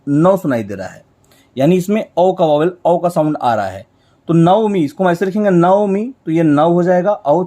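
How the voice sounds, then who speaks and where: A man with a fairly high voice teaches a class. He works through examples patiently, repeating each step and answering his own questions as he writes. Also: dark tone. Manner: explains slowly, repeating each stroke. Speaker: shorthand teacher. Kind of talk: step-by-step whiteboard lesson.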